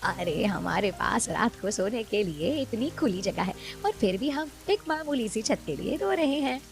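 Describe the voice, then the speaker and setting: A woman voicing a bossy, thrifty middle-aged mother-in-law in a cartoon story, who gives commands in a lower voice. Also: animated, unhurried, creaky. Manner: commanding, scheming.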